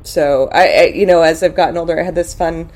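A woman's voice: low-pitched, fairly quick, a little mellow. A middle-aged woman from California chatting candidly on a podcast, reflective, with many fillers. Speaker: guest. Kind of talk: casual podcast conversation.

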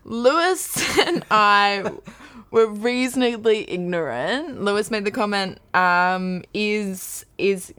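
A woman's voice: mid-range voice, animated, takes it slowly, sharp tone, smooth, dry recording. A woman co-hosting a podcast in casual, enthusiastic chat full of fillers. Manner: chatty, enthusiastic, many fillers. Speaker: podcast co-host.

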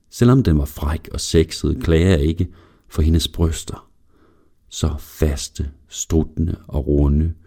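A man reading a scripted first-person erotic story aloud in a slow, even manner. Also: extremely low pitch. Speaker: narrator.

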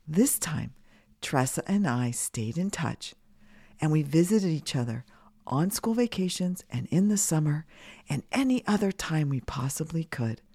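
A middle-aged American woman hosts a children's podcast, reading simple scripted narration and addressing kids in clear, simple phrasing. Her deep, mellow voice has lively intonation and a slightly slow pace, a bit scratchy as she recovers from a cold. The studio-quality recording has no room sound.

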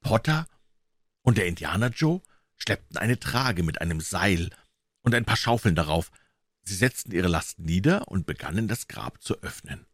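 A man reading a classic novel aloud as an audiobook, in a measured, even storytelling manner. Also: deep voice, slightly rough, dry recording, clean studio sound. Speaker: audiobook reader.

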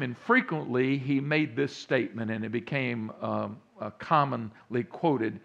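A Texan pastor preaches in a folksy storytelling manner, his voice gravelly and fairly high for a man. His emphasis rises as he drives a point home. The recording sounds dull and lo-fi. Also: a bit bright. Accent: Texas. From Central Texas. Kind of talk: sermon.

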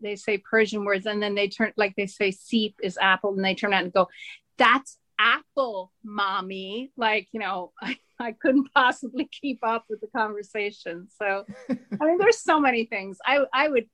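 An Irish woman in her forties, a guest in casual conversation, animated and emphatic, often laughing as she tells stories. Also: mid-range voice, moderate pace, no echo. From Ireland.

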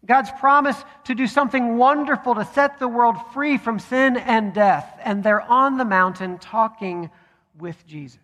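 A man preaching a sermon as pastor, measured, with deliberate pauses. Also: very high-pitched, a bit bright. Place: church sanctuary. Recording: long hall reverb.

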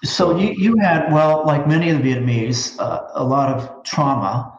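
A man hosting a school district interview show, speaking in a measured way with some hesitant fillers. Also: fairly high pitch, animated, roomy sound, dull audio, a little hiss or hum. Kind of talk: hosted interview.

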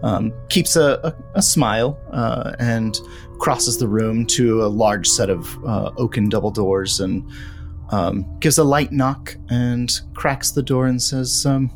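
A man narrating a tabletop horror role-play game as game master, relaxed with frequent ums. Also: mid-range voice, slow pace, soft background music.

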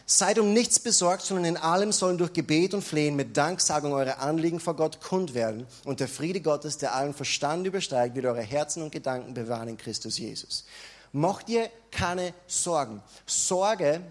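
Passionate preacher with a fairly high voice. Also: male voice, animated, normal speed. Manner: passionate preaching, swings from quiet to loud proclamation; addresses the congregation directly with call-and-response prompts. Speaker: pastor. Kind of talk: sermon.

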